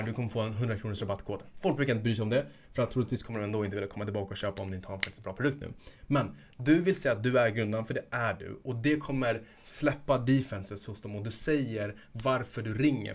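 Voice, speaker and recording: A young man giving a casual instructional talk as an e-commerce coach, energetic and hyping things up with jokey asides. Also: medium pitch.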